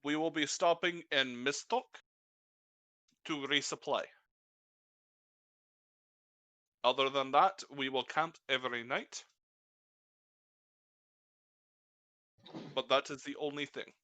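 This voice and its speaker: A man's voice: medium pitch, bright, forceful tone, dry recording, close to an everyday voice. Figure: bossy winged caravan leader. Sex: male, voiced by a man. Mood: brisk. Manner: brisk, commanding, lays down rules.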